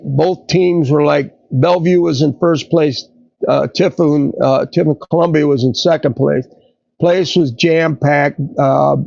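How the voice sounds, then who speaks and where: Gravelly man, fairly high voice, halting storyteller, dull dry lo-fi sound. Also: a little mellow, no echo. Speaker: podcast co-host. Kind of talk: casual storytelling.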